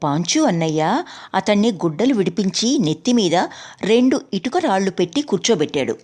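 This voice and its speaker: A woman's voice: medium pitch, sing-song, moderate pace, a little mellow. A woman doing an eager young boy reporting news.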